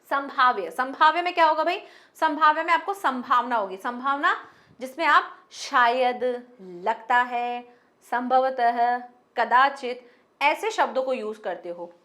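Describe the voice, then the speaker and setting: High-voiced woman teaching Hindi grammar. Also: sharp tone. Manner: explains with everyday example sentences, talks directly to students; mixes English words into Hindi. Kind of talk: online grammar lesson.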